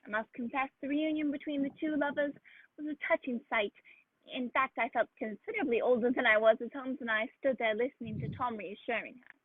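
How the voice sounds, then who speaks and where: Woman as a high, husky, earnest gentleman doctor. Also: brisk, no room sound, phone-quality sound. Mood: reflective. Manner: proper, old-fashioned, earnest. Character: earnest, genteel male doctor, loyal sidekick and narrator. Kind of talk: 1940s radio play acting and storytelling.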